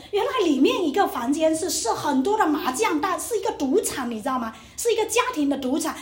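A woman's voice: very high voice, echoey room. A young woman preacher giving an emotional testimony sermon, acting out the voices in her story. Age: young adult.

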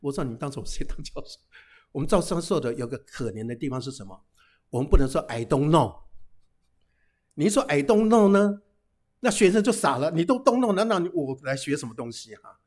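A middle-aged man, a pastor, giving a humorous sermon, telling lively anecdotes peppered with casual tag particles and English phrases. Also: fairly high pitch, fast talker, husky. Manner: lively storytelling with frequent "哈" tags and English phrases.

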